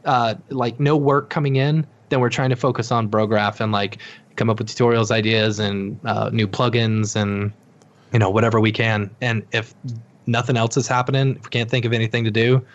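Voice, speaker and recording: A young man talking casually as a podcast guest, wandering through his thoughts with lots of fillers and false starts. His voice sits at an ordinary middle pitch. The recording sounds a bit dull and lo-fi. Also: steady tone, normal speed. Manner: rambling, full of fillers and restarts. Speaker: guest, company co-founder.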